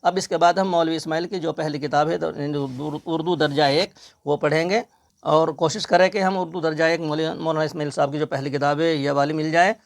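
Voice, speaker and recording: Middle-aged man, gravelly, a bit high-pitched, slow letter-by-letter reading lesson. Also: fairly even intonation. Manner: slow, letter-by-letter sounding out of words. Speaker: Urdu primer teacher.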